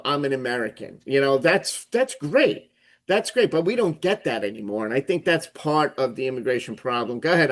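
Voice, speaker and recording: Slightly high-voiced man hosting a panel. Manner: opinionated, restarts often. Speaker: host. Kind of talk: casual panel discussion.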